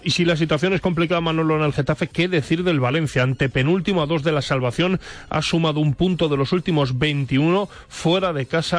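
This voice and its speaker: Male sports reporter, Spain accent, slightly high voice, scripted radio news delivery.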